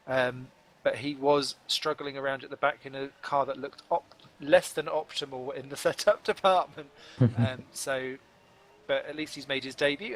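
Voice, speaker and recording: Male race analyst, slightly high voice, wordy with dry wit, light background noise. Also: a bit bright. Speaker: sim racing commentator. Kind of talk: live race commentary.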